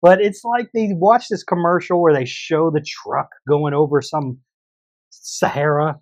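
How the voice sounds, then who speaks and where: A man's voice: a little high, fairly even intonation, measured pace, dry recording, lo-fi sound. A man co-hosting a casual podcast chat, talking in an opinionated way and laughing often. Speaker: podcast co-host.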